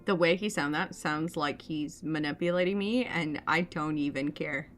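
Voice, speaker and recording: A game streamer with a low voice and a Southern US accent reads game dialogue aloud and chats playfully at a moderate pace. She giggles and swears when she stumbles over words, with soft music playing in the background.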